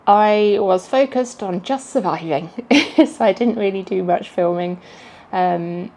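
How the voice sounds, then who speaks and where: A woman's voice: mid-range voice, slow, a little mellow. A woman travel vlogger chatting casually to camera in a jokey, self-deprecating way.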